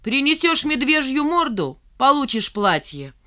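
A woman reading an audiobook, voicing a teenage boy bully who jeers and shouts taunts. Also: fairly high pitch, normal speed, close to an everyday voice. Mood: jeering. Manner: jeering, shouting.

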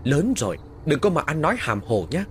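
A man voicing an angry village father who shouts sternly at others. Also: on the high side, big pitch swings, a little fast, a little hiss or hum, pitched above the performer's own voice. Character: angry village father scolding, hot-tempered.

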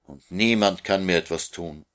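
A man's voice: deep voice, moderate pace, a bit bright, smooth. A man voicing a lonely orphan boy in a storybook reading, insistent and guarded. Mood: stubborn. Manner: insistent, repeating his demands.

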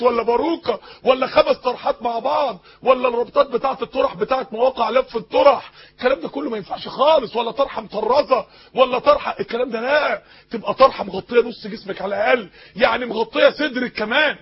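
A man's voice: very high voice, highs cut off, a little hiss or hum. A man with an Egyptian Arabic accent preaching a sermon, pleading passionately with young women and often repeating words as he searches for them. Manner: impassioned, pleading, addressing young women directly.

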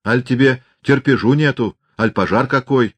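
A man's voice: mid-range voice, normal speed, pitched above the performer's own voice, natural voice. A man reading an audiobook and voicing a talkative rustic Cossack orderly who grumbles in chatty dialect. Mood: grumbling.

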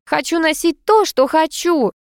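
A woman's voice: on the high side, expressive, brisk, no room sound, clean studio sound, close to an everyday voice. A woman voicing a spoiled, sulky provincial woman who speaks in a whiny, childish way in an audiobook. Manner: whiny, petulant.

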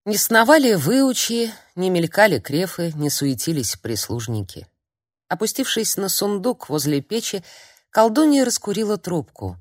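A woman narrates a fantasy audiobook from a script, with an expressive storytelling style, a mid-range voice and normal speed. The audio is studio quality, with no room sound.

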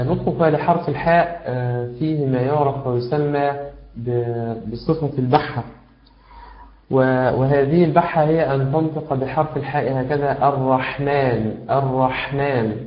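Man, recitation teacher, patient and encouraging, lots of hesitant pauses, echoey room, muffled lo-fi audio. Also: medium pitch. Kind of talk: instructional feedback on recitation. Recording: roomy, dull lo-fi sound.

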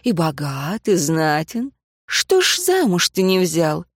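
A woman's voice: on the low side, huge pitch swings, slow pace, slightly rough, no echo, clean studio sound, pitched below the performer's own voice, exaggerated voice. A woman voicing a shrewd, homely older village woman who talks in folksy, plain speech. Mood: chiding.

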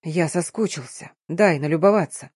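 A woman voicing a wounded young husband who speaks low and tenderly in an audiobook romance. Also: normal speed, a little mellow, husky, no room sound, studio quality.

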